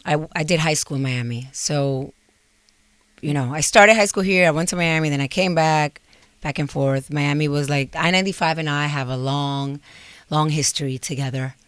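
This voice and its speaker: A woman from the Dominican Republic talks with a guest's ease, drifting between English and Spanish. Her voice sits a bit low. The sound is close and dry, with no room around it. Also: moderate pace, fairly bright tone, dry recording. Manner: switches between English and Spanish, affectionate terms. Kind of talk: casual bilingual interview chat.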